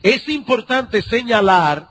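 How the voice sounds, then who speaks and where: Pastor guy preaching, pretty high voice, repeats lines, goes loud and slow then drops quiet. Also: animated, slightly rough, poor audio. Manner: repeats key phrases, asks the congregation rhetorical questions; swings between loud drawn-out emphasis and quiet low asides. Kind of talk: sermon.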